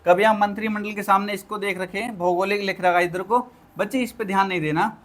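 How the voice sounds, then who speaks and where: High-voiced male Hindi tutor drilling spellings. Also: fairly even intonation, fast, fairly bright tone. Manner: repeats each word, addresses students as children; drills by asking and answering himself. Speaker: Hindi teacher for exam prep. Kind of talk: online spelling lesson.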